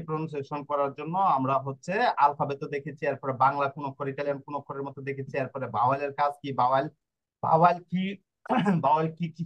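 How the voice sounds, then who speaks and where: Male tutor, slightly high pitch, patient syllable-by-syllable drilling, muffled low-fi sound. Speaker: language teacher. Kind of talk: explaining pronunciation lesson. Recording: dull lo-fi recording.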